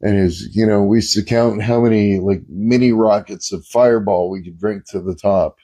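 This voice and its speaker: Brief: man, podcast co-host, mellow husky voice, rambling profane anecdotes. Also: lowish voice, normal speed. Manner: rambling, profane storytelling with many fillers. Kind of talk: casual podcast chat.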